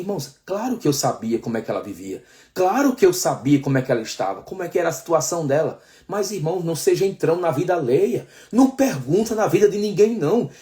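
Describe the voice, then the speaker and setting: A male pastor from Brazil preaching a sermon, calling his listeners brothers, slowing down for emphasis and acting out the dialogue in his stories. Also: on the high side, darkish tone. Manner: addresses listeners as brothers, frequent tag questions; slows down for emphasis, acts out quoted dialogue.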